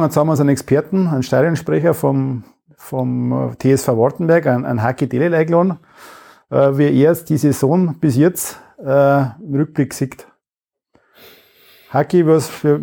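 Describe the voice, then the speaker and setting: A man hosting a casual chat, speaking haltingly. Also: fairly high pitch, gravelly, mellow. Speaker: podcast host.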